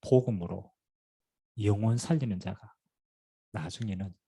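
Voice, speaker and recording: A man's voice: fairly low pitch, unhurried, mellow, husky. A middle-aged man from Pohang with a Gyeongsang accent, preaching a sermon as a pastor and telling stories with rhetorical questions and humor. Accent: Gyeongsang Korean. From Pohang, South Korea.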